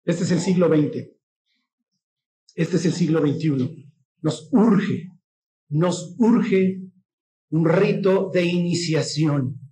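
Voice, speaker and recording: A man with a Mexican accent preaching a sermon in a lively, joking way, often acting out the voices of the people in his stories. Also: on the high side, slow pace, pauses often. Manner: mimics voices in quotes. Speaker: pastor.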